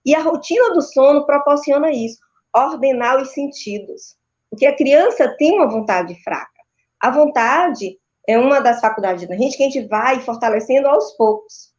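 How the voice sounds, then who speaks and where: A woman's voice: high voice, lively intonation, moderate pace, darkish tone. Brazilian woman explaining, lo-fi audio. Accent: Brazilian Portuguese. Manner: didactic, frequent tag questions. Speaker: maternal and child sleep consultant. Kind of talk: explanatory interview answers. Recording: dull, lo-fi video call audio.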